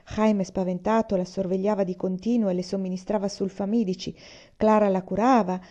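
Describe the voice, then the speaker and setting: A woman narrating a novel in a calm, measured reading, in a dull lo-fi recording. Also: medium pitch. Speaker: audiobook reader. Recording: dull lo-fi audio.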